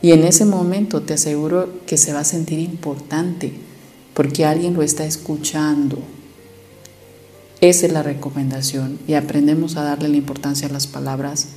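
A woman giving earnest family advice to her listeners, acting out the voices she quotes and changing her loudness for emphasis. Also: sits low, fairly even intonation, moderate pace, soft background music. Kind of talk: motivational talk to listeners.

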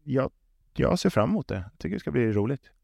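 Being interviewed, a football club's sporting executive reasons aloud in a conversational way, frequently repeating and rephrasing himself. He has a warm, gravelly, sing-song mid-range voice, recorded with no echo.

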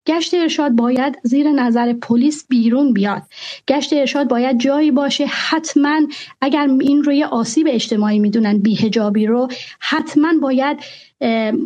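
A woman makes her case on a discussion show, earnest and measured. Her voice sits a little high, and the audio sounds dull and lo-fi. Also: darkish tone. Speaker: guest. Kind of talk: discussion with a host.

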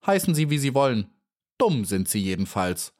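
Male narrator doing a cocky, high, lively little housefly: boastful and dismissive, squeals when scared. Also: moderate pace, natural voice. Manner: cocky and dismissive, then shrill and pleading.

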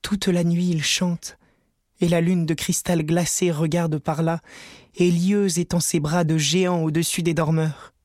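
A man's voice: on the high side, flat delivery, a little slow, darkish tone, no echo, studio quality, lightly acted. A man voicing a weary, sorrowful old male ghost who speaks in a dreamy, mournful, pleading way.

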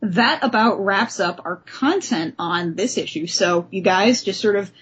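On her comic book discussion podcast, a female host reads letters dramatically in an expressive, unhurried, medium-pitched voice that is slightly rough. The audio is dull and lo-fi.

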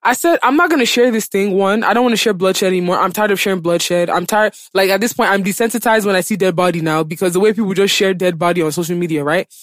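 A woman's voice: medium pitch, quick pace, few pauses, dry recording, studio quality. A woman podcast host talking casually but with passion, emphatic and repeating phrases to drive her points home. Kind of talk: impassioned casual podcast talk.

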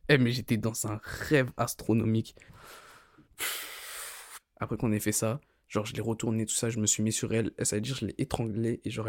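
A man's voice: mid-range voice, no echo, clean studio sound. Slangy young man telling a story. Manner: slangy, rambling, frequent fillers like "tout ça". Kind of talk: casual crude storytelling.

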